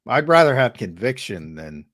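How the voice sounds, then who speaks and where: This man co-hosts and analyzes on a sports talk program, his slightly hoarse voice showing he's losing it. His mid-range, somewhat bright voice swings widely in pitch at a normal speed, and he pushes his arguments hard, frequently repeating words at the start of sentences.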